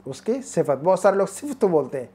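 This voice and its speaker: A man teaching Arabic. He drills phrases slowly, then explains quickly. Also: high-pitched, sing-song, a loud crowd. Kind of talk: one-on-one language lesson.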